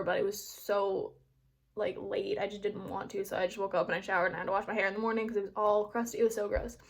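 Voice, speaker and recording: A young woman chatting casually to camera in an upbeat way, filling her talk with "like" and "um". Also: medium pitch. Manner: chatty, upbeat, many "like" and "um" fillers. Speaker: vlogger. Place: at home and later outdoors and in a car.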